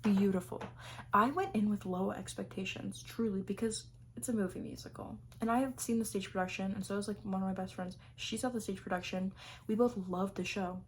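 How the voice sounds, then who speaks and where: A young woman talks casually to her viewers, gushing and rambling with lots of "like" and restarts. Her pitch sits in an ordinary middle range. A faint hiss of background noise runs under her voice. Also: steady tone, fairly quick. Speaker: vlogger. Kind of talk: casual year-favorites chat.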